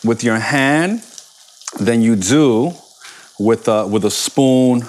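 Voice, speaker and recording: A man's voice: mid-range voice, takes it slowly. A man in his forties talks through a live cooking show in a home kitchen. He is chatty and upbeat, and he keeps up an easy running banter while he cooks. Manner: upbeat, chatty, calls his partner baby.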